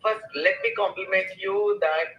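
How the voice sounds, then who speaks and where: Male guest, eager and flattering, sharp tone, roomy and muffled. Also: high-pitched. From India. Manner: eager, flattering, drawn-out phrasing. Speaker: guest, beauty business owner. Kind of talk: casual live-stream chat.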